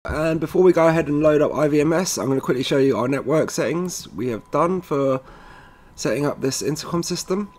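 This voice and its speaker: The voice is male, a little high and fairly quick, with a darkish tone. As a product setup tutorial presenter, he explains things informally, step by step, addressing his audience as guys.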